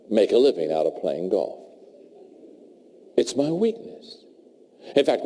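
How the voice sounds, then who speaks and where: A man's voice: medium pitch, mellow. A man giving a humorous motivational talk to a live audience, telling golf stories and laughing at his own jokes. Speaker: motivational speaker. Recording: long hall reverb.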